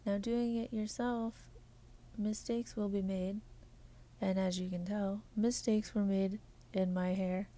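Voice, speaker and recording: A woman narrating a home hair-bleaching tutorial as a voice-over, speaking softly and often dropping to a half whisper, at times flat and measured and at times quick and chatty. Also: medium pitch. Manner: soft, half-whispered instructional delivery. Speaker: beauty vlogger.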